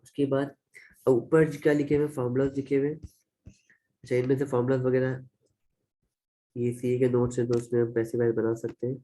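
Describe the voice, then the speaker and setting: Male grammar teacher with a Pakistani accent, even-pitched and warm-toned, patient step-by-step explainer. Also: normal speed, pauses often, rough recording. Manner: explains step by step, repeats examples. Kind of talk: classroom-style grammar lecture.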